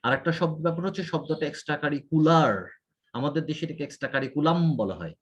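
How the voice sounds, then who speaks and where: A man's voice: fairly high pitch, quick pace, breathy edge, lo-fi sound. A man, an IELTS tutor going through a student's mistakes point by point. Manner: corrective, explains mistakes point by point. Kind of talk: one-on-one feedback lesson.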